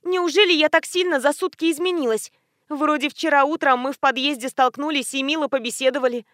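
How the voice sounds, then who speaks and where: A woman reading her first-person heroine's lines in an animated, exclaiming way. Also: high voice, a little fast, no echo, clean studio sound, voice pushed up.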